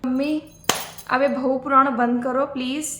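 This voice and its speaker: A woman's voice: high-pitched, fairly even intonation, unhurried, background noise. A woman playing a demanding, bossy married sister-in-law who complains and gives orders, in a homemade family skit. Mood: complaining. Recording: echoey room.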